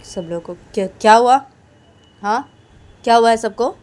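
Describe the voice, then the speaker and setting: A woman voicing a bold, protective young woman who talks loudly and keeps firing questions. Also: mid-range voice, moderate pace, voice pushed up, natural voice. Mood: insistent. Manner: loud, insistent, repeating questions.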